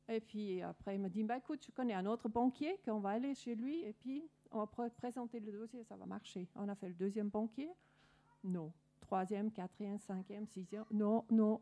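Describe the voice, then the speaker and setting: A woman's voice: mid-range voice, mellow. A woman from Denmark with a Danish accent, earnestly telling her personal faith story with many restarts. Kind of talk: personal testimony.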